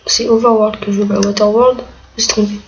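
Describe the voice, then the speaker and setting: A female gaming video creator comments casually and hesitantly while she plays, using lots of fillers. Her mid-range voice barely moves in pitch and runs a little fast, captured on a muffled lo-fi mic with faint noise and keyboard clicks.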